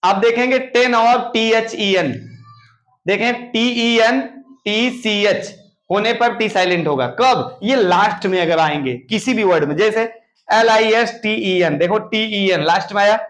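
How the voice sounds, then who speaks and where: A male teacher explaining pronunciation rules, repeating each example word slowly and asking the class questions. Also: sits high, a bit bright. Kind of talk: classroom lesson on silent letters.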